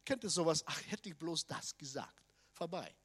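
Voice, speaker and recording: High-voiced preacher, emphatic man. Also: animated, moderate pace, husky. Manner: emphatic, swings from loud declarations to quiet asides. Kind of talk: sermon.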